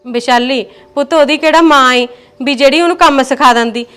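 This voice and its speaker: A woman's voice: sits high, brisk, fairly bright tone, smooth, soft background music. A woman playing a soothing village mother-in-law. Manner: soothing, placating.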